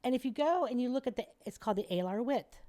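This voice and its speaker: Speaking fast in a slightly high voice, this middle-aged airway specialist is a podcast guest. She explains and demonstrates in an animated, teacher-like manner during the interview.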